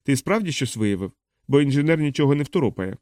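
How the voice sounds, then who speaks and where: A man's voice: medium pitch, expressive, fast talker, warm tone, no room sound, studio quality, natural voice. A man reading as a firm, practical male expedition coordinator in an audiobook.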